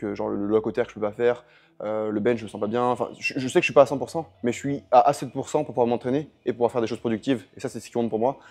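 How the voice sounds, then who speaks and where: With a fairly low, husky, slightly mellow voice, a young man rambles casually through a gym vlog after a long training session has left him drained. The powerlifting vlogger is chatty and often corrects himself.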